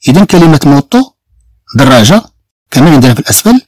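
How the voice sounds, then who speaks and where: A man with a Moroccan Arabic accent teaching a beginner language lesson, slowly repeating each word several times to drill pronunciation. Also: a little high, very animated, darkish tone, no room sound. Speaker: French teacher.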